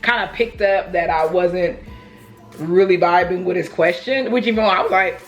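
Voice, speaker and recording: American lady doing a casual storytime, kinda low voice, rambles along, music playing behind. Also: moderate pace. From Oakland, California, United States. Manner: rambling, conversational, acts out reported dialogue. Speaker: vlogger telling a personal story. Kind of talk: casual storytime chat to camera.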